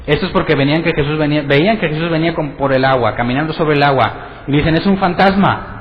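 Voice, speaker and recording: A man's voice: fairly high pitch, fast talker. A man preaching a conversational Bible study sermon, asking his congregation questions as he goes. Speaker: pastor. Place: church hall. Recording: echoey hall, dull lo-fi sound.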